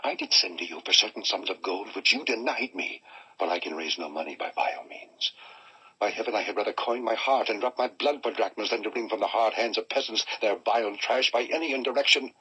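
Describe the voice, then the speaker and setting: A man's voice: fairly low pitch, brisk, sharp tone, husky, highs cut off. An actor playing Brutus, a stern, proud Roman nobleman, in a recorded Shakespeare audio drama, declaiming with scorn.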